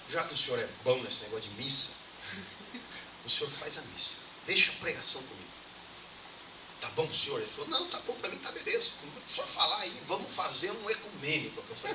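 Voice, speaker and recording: Fast-talking young pastor in an echoey church. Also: male voice, fairly high pitch. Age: young adult. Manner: lively anecdotal preaching, acts out dialogue. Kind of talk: storytelling sermon. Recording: echoey church hall, mic far off, background noise.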